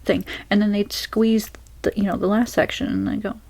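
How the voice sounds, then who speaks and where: Soft-spoken woman rambling through a Q&A. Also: medium pitch, flat delivery, normal speed. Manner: rambling, many fillers and restarts. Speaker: ASMR creator.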